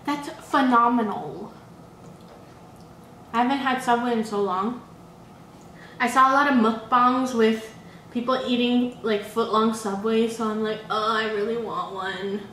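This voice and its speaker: A woman's voice: a little high, unhurried, pauses often, a bit bright, echoey room, slight background noise, poor audio. A woman vlogger chatting casually and self-deprecatingly while eating a sandwich. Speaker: mukbang vlogger.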